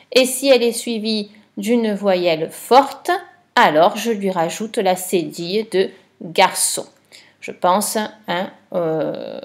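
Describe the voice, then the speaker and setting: Slow, patient woman teacher. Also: medium pitch. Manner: patient, clear, spells letters one by one. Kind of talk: slow dictation lesson for a child.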